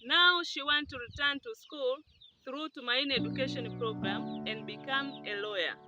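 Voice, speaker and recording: A woman's voice: high-pitched, moderate pace. A woman giving a short, matter-of-fact spoken introduction. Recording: voice over clear background music.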